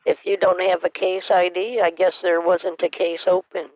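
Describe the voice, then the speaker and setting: A man's voice: sits high, flat delivery, normal speed, no echo, natural voice. A man putting on the voice of a frail, confused elderly woman who is hard of hearing and stammers, asking for things to be repeated. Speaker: caller posing as a victim. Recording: muffled phone call.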